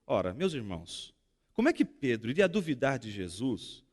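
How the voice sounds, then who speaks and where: A man with a Brazilian Portuguese accent preaching a sermon in a church, swinging dramatically between loud emphasis and hushed tones. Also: medium pitch, big pitch swings, moderate pace. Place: church sanctuary. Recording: echoey church hall.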